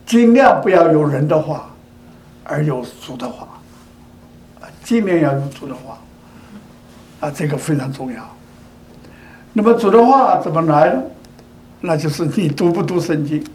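An older male preacher delivers a sermon in repeated phrases, posing rhetorical questions such as whether his listeners agree. His voice is a little high with a darkish tone. The recording, made in an echoey room, has slight background noise.

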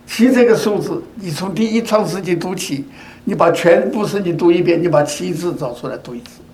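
A man's voice: high-pitched, lively intonation, fairly quick, darkish tone. An older man giving a sermon, speaking in repeated phrases and asking rhetorical questions such as whether the listeners agree. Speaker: preacher. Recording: echoey room.

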